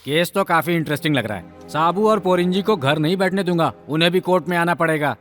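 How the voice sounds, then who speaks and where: A man playing a calm judge. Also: a little high, fast talker, soft background music, close to an everyday voice. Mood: measured. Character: calm, fair-minded male judge. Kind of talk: Hindi film dub.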